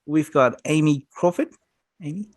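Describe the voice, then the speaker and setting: A man's voice: fairly high pitch, moderate pace, no room sound, studio quality. A man hosting a casual video-call interview, upbeat with short reactions. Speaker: host.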